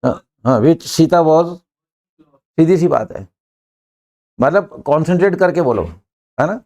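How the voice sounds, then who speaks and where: An older man teaching an English class in a classroom, brisk and joking, pushing students to answer quickly. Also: fairly high pitch, lively intonation, warm tone.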